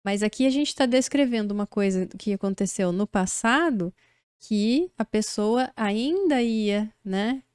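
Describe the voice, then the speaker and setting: Brazilian woman, online English teacher; unhurried, patient explainer with a smooth, clear voice. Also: mid-range voice, a little mellow, no echo, studio quality. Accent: Brazilian Portuguese. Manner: slow, patient explaining with frequent checks like "né?" and "ok?".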